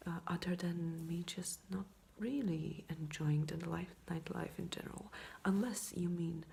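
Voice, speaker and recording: A tired woman talking quietly at night in a rambling casual vlog, mostly in a whisper, close to her phone. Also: lowish voice, steady tone, a little slow, gravelly. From Poland. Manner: quiet, hushed night-time talk, often whispering; rambling, self-deprecating. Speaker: vlogger. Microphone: iPhone, leaning in close.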